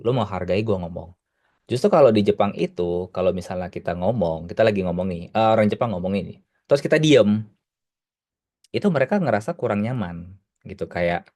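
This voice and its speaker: Man, teacher, low voice, casual, patient explanations. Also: warm tone. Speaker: Japanese teacher. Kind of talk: online language class.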